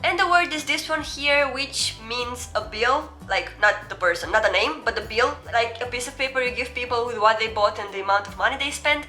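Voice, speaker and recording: Bright young Romanian woman pronouncing foreign words. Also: on the high side, faint music behind. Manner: reads out foreign words slowly as examples between explanations; self-deprecating, informal. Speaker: video host. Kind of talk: casual chatty language lesson.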